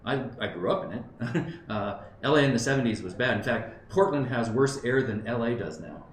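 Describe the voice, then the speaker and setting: At a moderate pace and with an expressive mid-range voice, a man in his fifties from Southern California talks conversationally to a live conference audience. He checks in with listeners often and reasons aloud. The conference-room recording is roomy, with faint background noise.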